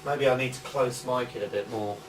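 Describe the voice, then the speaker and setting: A man, a musician and producer, gently directing a session in a studio, hesitant and full of restarts. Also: mid-range voice, a little fast, noisy background. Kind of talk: casual studio chat. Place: recording studio room. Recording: echoey room, mic at a distance.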